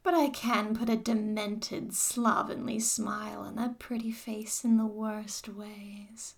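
A woman playing a slow, whispering taunting ex-dominatrix. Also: medium pitch, flat delivery, vocal fry, crowd noise. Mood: mocking whisper. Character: mocking, controlling former dominatrix woman, cold and teasing. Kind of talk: whispered audio roleplay addressed to the listener.

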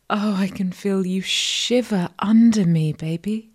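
A woman whispers very slowly into a close microphone, her voice breathy and hushed. She coaxes and gives soft commands, like a dominant partner speaking straight to the listener. Her tone stays mellow and warm throughout. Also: medium pitch. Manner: slow, soft, coaxing and commanding. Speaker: audio roleplay performer. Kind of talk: whispered intimate audio roleplay addressed to the listener.

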